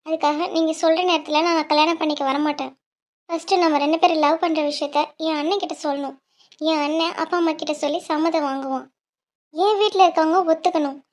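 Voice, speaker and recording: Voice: sits high, lightly acted. A woman voicing a cautious, sincere young college student in a cartoon, reasoning earnestly and pleading through tears.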